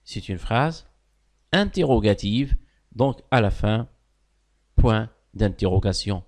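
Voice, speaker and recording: A male teacher explains grammar in a slow, deliberate way. His voice swings widely in pitch, and he punches key words with sudden loud lifts. He often praises the pupils' answers. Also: animated. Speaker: primary school French teacher. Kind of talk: classroom grammar lesson.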